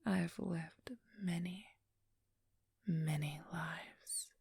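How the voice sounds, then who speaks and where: In an ASMR role-play, a woman plays a haughty, ageless vampire thief, whispering breathily close to a dry microphone with no echo. Her fairly low voice is gravelly, husky, and a little mellow, fully in character. Sly and boastful, she teases condescendingly and draws out her words.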